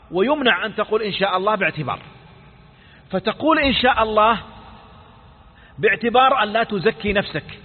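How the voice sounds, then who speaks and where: A man teaching a creed lesson, asking the class quick check questions and restarting phrases with false starts. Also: high voice. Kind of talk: recorded religious lesson. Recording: tinny phone-like audio with hall reverb.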